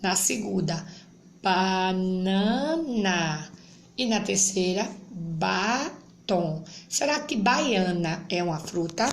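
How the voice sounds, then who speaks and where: A woman's voice: medium pitch, lively intonation, measured pace, gravelly, few pauses. A woman teacher reading a worksheet aloud to young children, sounding out words syllable by syllable. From Brazil. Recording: echoey room, faint background hum.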